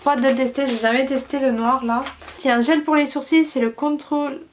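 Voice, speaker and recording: Young woman, high voice, eager beauty-vlog chatter, lots of fillers, faint hiss behind. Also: steady tone, quick pace. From France. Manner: chatty and enthusiastic, listing products with many fillers. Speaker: beauty vlogger. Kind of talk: casual unboxing chat.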